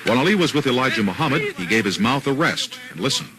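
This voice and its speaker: A man as a news anchor reading scripted narration in a measured broadcast delivery. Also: medium pitch, sing-song, noisy background.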